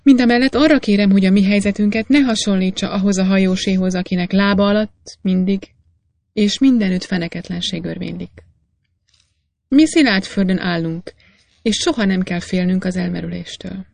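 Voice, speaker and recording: A woman reading aloud, voicing a boastful, excitable old male master miner in a storybook. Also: mid-range voice, vocal fry, no echo, natural voice. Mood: eager. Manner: boastful, insistent.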